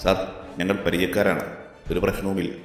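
A man's voice: deep voice, level tone, brisk, faint music behind. A man voicing a cheerful, playful young woman who teases, in an echoey room. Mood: pleading. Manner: playful, teasing. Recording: echoey room with long reverb.

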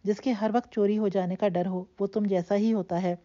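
A woman's voice: medium pitch, steady tone, warm tone, natural voice. A woman voicing a young female cousin who jokes and teases, in a dull lo-fi recording. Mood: teasing. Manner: mischievous, joking. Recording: dull lo-fi audio.

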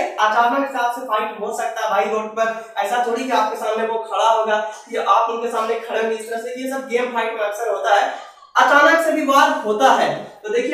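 A high-pitched male karate instructor talks his viewers through blocks in a chatty, repetitive way. His voice bounces around a very echoey room, picked up from well away from the mic. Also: fairly bright tone, recorded from a distance. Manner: chatty, repeats "dekhiye" and "bhai" while demonstrating moves. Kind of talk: casual self-defense demonstration.

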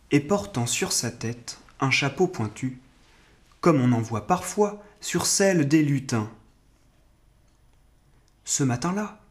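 A man reads a children's tale aloud in a gentle, poetic manner. His voice sits a little high and he takes his time over every phrase. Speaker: narrator. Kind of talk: storybook reading.

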